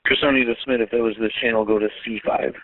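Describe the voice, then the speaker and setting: A man's voice: medium pitch, fairly even intonation, fast, no room sound. A police officer, a man, reporting in clipped, matter-of-fact radio procedure over a walkie-talkie. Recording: tinny dry radio transmission.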